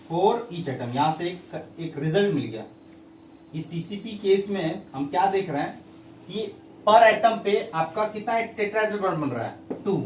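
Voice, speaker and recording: A man's voice: high-pitched, darkish tone, a little hiss or hum. A man teaching a chemistry lesson, constantly asking the class questions and repeating key terms. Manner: keeps asking students quiz questions; mixes in English terms, repeats key phrases. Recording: echoey room, mic at a distance.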